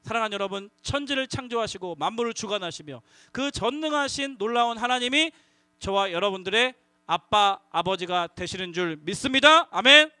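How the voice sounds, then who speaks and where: A man preaching to middle schoolers as their youth pastor, lively and coaxing the audience to call out together. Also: high voice, brisk, clean tone, no echo. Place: church youth worship hall.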